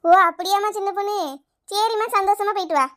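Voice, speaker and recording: A woman's voice: very high-pitched, steady tone, quick pace, sharp tone. A woman voicing a kindly neighbour auntie in a comedy cartoon, speaking with a Kanyakumari Tamil accent and a fond, coaxing manner. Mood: teasing. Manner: coaxing, fond, keeps calling her by pet name. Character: kindly neighbour woman Gomathi, elder-sister type.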